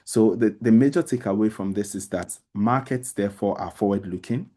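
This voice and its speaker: Male trainer, informal lecturer. Dark, relaxed, lowish voice; leans on repetition to drive points home. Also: moderate pace. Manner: repeats words and phrases for emphasis; addresses listeners directly with everyday examples.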